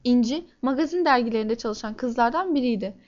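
A woman reading a first-person crime novel aloud in a steady, measured way. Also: a little high, muffled recording. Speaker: audiobook narrator.

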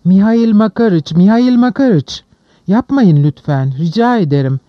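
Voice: medium pitch, lively intonation, dry recording, close to an everyday voice. Brief: arrogant young magistrate, voiced by an audiobook narrator, clipped and formal; dry, dull sound. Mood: stern. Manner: haughty, quick, then cold and formal. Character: small haughty young investigating magistrate, man. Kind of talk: audiobook character voice.

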